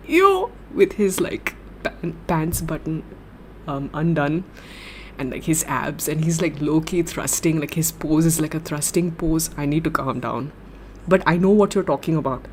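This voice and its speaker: A young woman livestreaming, chatting casually with viewers and answering their comments in a giggly, gushing, excitable way. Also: sits low, a little hiss or hum.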